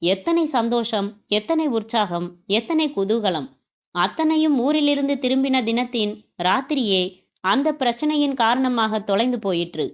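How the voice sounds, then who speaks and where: A woman's voice: fairly high pitch, lively intonation, a little slow. A woman narrating a family novel aloud, reading every character's lines in her own voice with small shifts.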